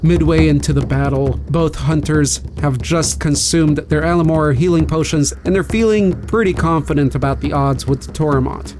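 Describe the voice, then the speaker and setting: A man with a fairly high voice recaps a board game session in an easy, casual way. Soft music plays faintly beneath him. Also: moderate pace, hardly any pauses. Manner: relaxed recap of battles and gear. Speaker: game player and commentator. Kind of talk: casual gameplay commentary.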